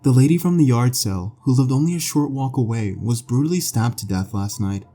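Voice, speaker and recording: A man narrating a scripted horror story with a slow, measured storytelling delivery. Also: mid-range voice, warm tone. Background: faint background music.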